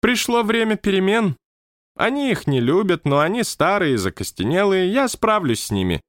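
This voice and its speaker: A man's voice: high-pitched, very animated, moderate pace, a bit bright, no room sound, studio quality, pitched above the performer's own voice. A man voicing a haughty, imperious otherworldly male boss who gives commands. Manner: haughty, impatient, theatrical.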